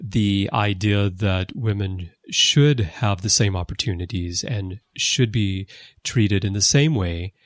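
A man hosting a casual podcast conversation, explaining background at length with lively emphasis. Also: on the low side, slow, hardly any pauses, no room sound, studio quality. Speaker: podcast host. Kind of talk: casual conversation about a TV series. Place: lives in Japan.

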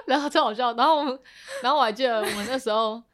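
A woman, a guest on a chat podcast, rushes through her story in a slightly raised voice. She laughs easily and slips into little acted-out quotes of the people in it. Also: sits high. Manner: animated, laughs often, acts out quoted lines. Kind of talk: casual storytelling.

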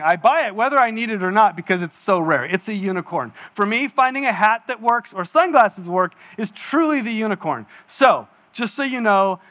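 Sitting high in pitch with a pushed, bright quality, this man's voice carries a sermon through a church hall. The pastor is in his forties and keeps things chatty and self-mocking, acting out asides as he tells stories.

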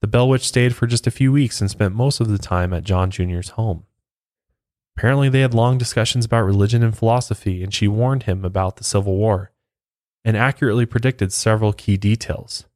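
A man's voice: on the low side, fairly quick, a little mellow, no echo, studio quality. A man telling a local ghost legend in a casual, chatty way, with off-the-cuff asides. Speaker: storyteller host. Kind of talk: casual spoken storytelling.

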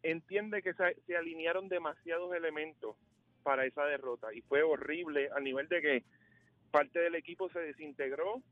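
A man calling in to a sports radio show, telling his story in a measured way. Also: on the high side, dry recording. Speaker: radio caller. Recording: tinny phone line.

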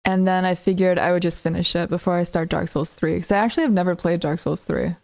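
A woman's voice: lowish voice, fairly even intonation, fast, gravelly, darkish tone. A woman guest on a podcast, a streamer, talking casually with a wry, joking manner. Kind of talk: casual chat.

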